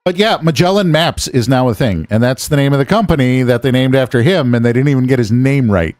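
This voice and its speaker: Streaming a game, a man from the United States talks casually with his chat, musing and rambling as he goes. He speaks a little fast at a medium pitch with a darkish tone, and the audio is a clean studio recording without room sound.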